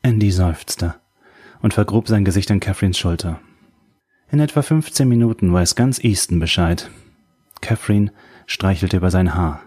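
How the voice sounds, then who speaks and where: A man calmly narrating a novel as an audiobook reader. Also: deep voice, moderate pace, slightly rough. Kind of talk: scripted narration.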